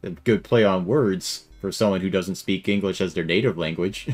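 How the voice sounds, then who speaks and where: A man's voice: low voice, normal speed, faint music behind. A man hosting a let's play, chatting casually, joking and full of "uh" fillers. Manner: joking, filler-heavy, laughing often. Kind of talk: casual gaming commentary.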